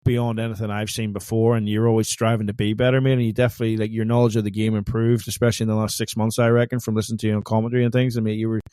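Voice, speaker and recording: Bloke on a sports podcast, low mellow voice, dry sound, joking around. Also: male voice, level tone, racing, hardly any pauses, clean tone, dry recording. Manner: chatty, joking, leans on "mate". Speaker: podcast co-host. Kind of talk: casual sports chat.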